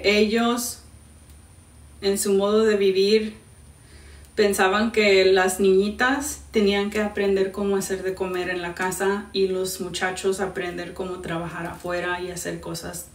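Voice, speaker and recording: A woman's voice: mid-range voice, far from the mic. A young woman chats casually on a live stream, sliding back and forth between English and Spanish as she answers viewers. Her voice sits in the middle of the range for a woman and comes from a little away from the mic, with noticeable room echo. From Indiana, US Midwest. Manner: switches between English and Spanish mid-sentence; chatty, answers viewer questions. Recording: roomy sound from off-mic.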